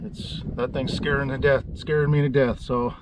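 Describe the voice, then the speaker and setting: Middle-aged man, plain-spoken outdoor instructor; close action-camera sound, steady background noise. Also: mid-range voice, moderate pace, far from the mic. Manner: folksy, plain-spoken, self-correcting. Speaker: chainsaw instructor. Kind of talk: casual outdoor how-to demonstration. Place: outdoors in a rural yard.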